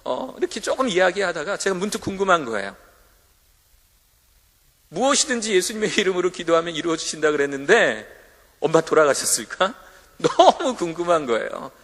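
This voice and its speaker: A man's voice: sits high, big pitch swings, brisk, fairly bright tone. A man preaching a sermon to students in a school chapel, telling stories with animation and acting out the voices he quotes. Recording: hall reverb.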